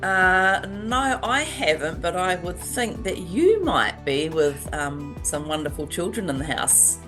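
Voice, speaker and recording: Co-host woman, low and slow, faint music behind. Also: sing-song. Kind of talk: casual interview talk.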